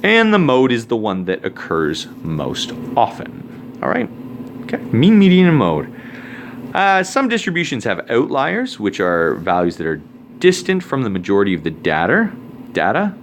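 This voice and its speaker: Man teaching math in a lively voice. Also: medium pitch, moderate pace, slight background noise. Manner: casual, joking asides while writing. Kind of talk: recorded screen lesson.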